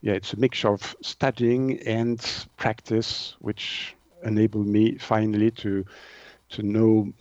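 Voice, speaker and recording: Being interviewed, a naturopath and author in his sixties from Switzerland speaks slowly in a fairly low, level, slightly mellow voice, his Swiss French accent marking him as a native French speaker. He answers conversationally but hesitantly, groping for words, and the audio has no echo but its highs are cut off.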